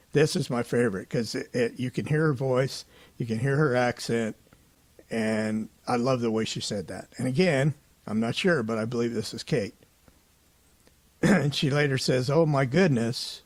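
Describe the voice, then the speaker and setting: Relaxed man recapping in a dry voice-over. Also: mid-range voice, no echo. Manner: tentative, often hedging his opinions; relaxed, conversational. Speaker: paranormal investigation host.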